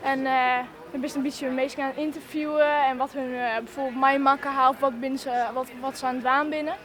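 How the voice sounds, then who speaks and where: A woman's voice: high voice, little pitch movement, fairly quick, a crowd in the background. A woman chatting on a market street about her videos and shopping, friendly, with many fillers. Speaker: viewer met at market.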